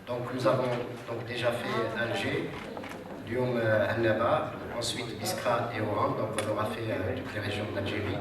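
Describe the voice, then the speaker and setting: Speaking over a noisy crowd, this man has a medium-pitched voice, a flat delivery, and a moderate pace. He is a social security official with a cold, addressing a seminar audience in a large hall in a formal but hesitant manner, often using fillers and starting over. The recording has hall echo, a distant mic, and audience noise.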